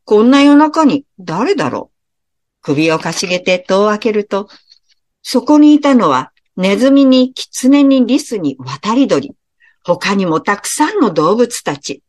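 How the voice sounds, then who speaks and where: A woman reading a children's story aloud with expressive character voices. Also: mid-range voice, unhurried.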